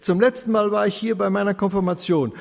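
A man's voice: sits high, steady tone, brisk, creaky, voice pushed up. Man doing a defiant, suspicious man of fifty. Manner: loud, raised, defiant. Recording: long hall reverb.

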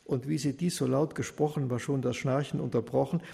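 A man telling a story in rhyming verse with a lively, rhythmic delivery. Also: medium pitch, fairly quick, vocal fry, in a large hall.

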